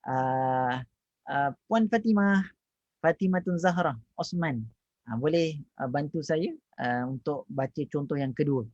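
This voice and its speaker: A man's voice: a little high, a little mellow, no echo. A man with a Malaysian Malay accent teaching Quran recitation in an online class, stretching out Arabic syllables to demonstrate them. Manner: drawn-out demonstrations of Arabic sounds, repeated syllables, frequent "ah" and "ha". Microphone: online class microphone. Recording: dull, dry online audio.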